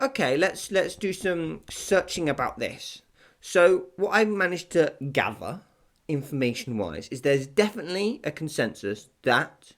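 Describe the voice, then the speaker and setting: A man hosting a casual podcast, rambling and joking, often correcting himself. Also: mid-range voice. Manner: animated, jokey, self-correcting. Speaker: podcast host.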